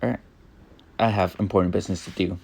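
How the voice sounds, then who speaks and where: Young man, fan fiction narration, low voice, gravelly, halting, rambling. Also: steady tone, a little mellow. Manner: rambling, halting, many fillers and restarts.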